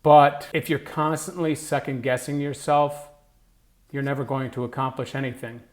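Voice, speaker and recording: A man's voice: mid-range voice, fairly even intonation, moderate pace. Man rambling casually about writing. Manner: conversational, rambling, full of "like" and "you know". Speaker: writer giving advice. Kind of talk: casual talking-head monologue.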